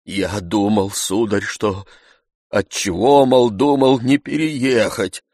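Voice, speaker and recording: A timid old manservant, as a man reading aloud puts him on, grumbling and pleading in humble mutters. The voice sits low and the sound is dry and close. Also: measured pace, no room sound. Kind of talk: audiobook reading.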